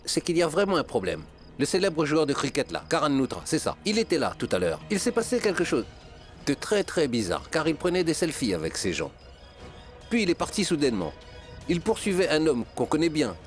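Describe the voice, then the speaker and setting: A chatty, baffled bystander. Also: male voice, fairly high pitch, huge pitch swings, brisk, soft background music. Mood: bewildered. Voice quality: chatty, bewildered. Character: talkative male bystander in a crowd. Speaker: dubbed character. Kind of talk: French dub of a TV series.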